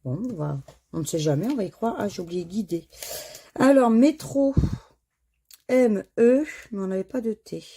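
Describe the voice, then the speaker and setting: Gravelly, husky woman slowly reading letters. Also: medium pitch, warm tone. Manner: reads out words and letters one by one, sighs at misses. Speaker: scratch card vlogger. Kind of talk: casual commentary while scratching tickets.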